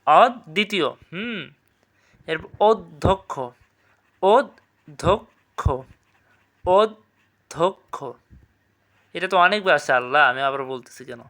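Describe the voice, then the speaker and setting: A man teaching an exam revision class, repeating each word slowly and checking with quick questions. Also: on the high side, lively intonation, sharp tone.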